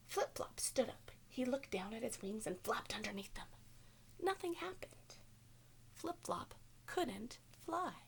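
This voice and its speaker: An elementary school teacher reads a picture book aloud to children in a whisper, her voice a little high and sing-song at a measured pace. She reads expressively, posing simple questions to her listeners.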